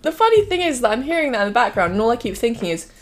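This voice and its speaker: A woman's voice: fairly high pitch, very animated, rapid-fire, a little hiss or hum. Giggly rambling woman podcaster. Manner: rambling, giggly, lots of fillers. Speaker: podcast co-host. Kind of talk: casual chat.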